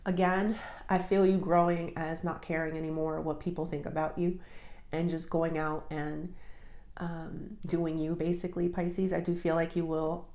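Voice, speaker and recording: Heartfelt woman tarot reader, low voice. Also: level tone, moderate pace, darkish tone, reverberant. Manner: heartfelt, emotional, speaks straight to the viewer. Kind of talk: casual tarot reading to camera.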